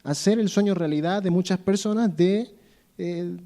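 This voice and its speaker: High-voiced mellow male preacher. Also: normal speed. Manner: repeats phrases for emphasis, addresses listeners directly; storytelling with many fillers and restarts. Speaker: pastor. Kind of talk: conversational sermon. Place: church.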